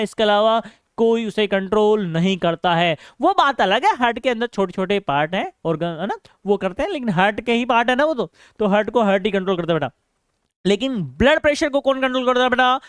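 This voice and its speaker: A man teaching biology in a high, smooth voice, recorded close on a dry mic. He lectures with playful scolding and keeps firing questions at his students before answering them himself. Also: dry recording. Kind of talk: classroom lecture.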